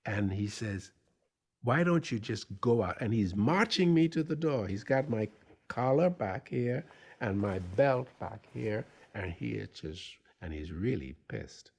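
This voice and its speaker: An older man tells a personal story at a slow, deliberate pace. His voice sits low, and he halts and restarts as he acts out the remembered dialogue. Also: expressive, darkish tone, breathy edge. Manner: measured, halting, with pauses and restarts. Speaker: speaker telling a life story.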